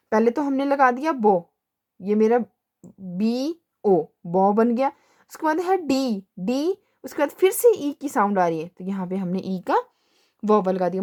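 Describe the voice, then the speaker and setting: Her voice a little high and warm, a young woman walks a class through shorthand one step at a time. Patient throughout, she repeats "ठीक है" and questions herself before supplying the answers.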